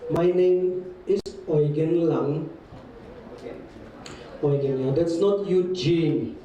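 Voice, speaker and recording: A German-accented man teaching a class, friendly and teasing, speaking slowly and carefully. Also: a little high, lo-fi sound, a little hiss or hum. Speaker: guest teacher. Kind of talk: classroom talk. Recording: echoey hall from far off.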